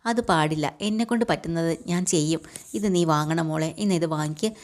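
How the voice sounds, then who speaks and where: A woman voicing a kindly middle-aged father fond of drink, speaking in a gentle, fatherly way. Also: sits low, fast talker, close to an everyday voice.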